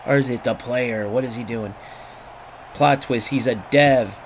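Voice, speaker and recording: A man with a medium-pitched voice, talking a little slowly, streams a football game and rants with profanity about the people he's playing against. Background noise is clearly audible.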